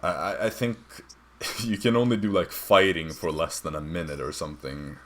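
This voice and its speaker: A man's voice: low voice, steady tone, normal speed, slight background noise. A young man narrating as dungeon master, with a hesitant manner full of fillers. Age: young adult. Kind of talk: narrating a tabletop game.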